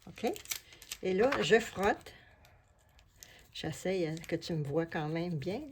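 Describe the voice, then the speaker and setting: A woman with a lowish, slow, slightly breathy voice and a Québécois French accent demonstrates a craft one step at a time. As a collage artist and craft video host, she chats casually with the viewer and explains what she's doing as she goes.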